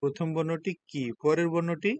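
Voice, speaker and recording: ধৈর্যশীল জাপানি ভাষার শিক্ষক, পুরুষ কণ্ঠ. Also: male voice, a little high, flat delivery, normal speed, darkish tone, no room sound. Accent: Bangladeshi Bengali. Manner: patient, checks understanding with frequent questions. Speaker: Japanese language teacher. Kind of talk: classroom lesson explaining hiragana.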